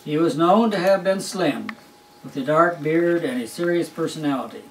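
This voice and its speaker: With an animated delivery at normal speed, an older grandfather reads a Christmas story at a family home in a wry, amused way. His voice is a little high, and the roomy, distant home recording has a slight hiss or hum.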